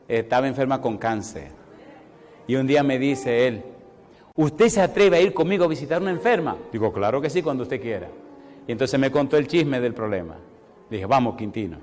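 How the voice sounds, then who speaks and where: Brief: male preacher, medium pitch, lively storytelling sermon, long hall reverb. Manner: animated, moving between soft asides and loud exclamations. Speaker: pastor. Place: church hall.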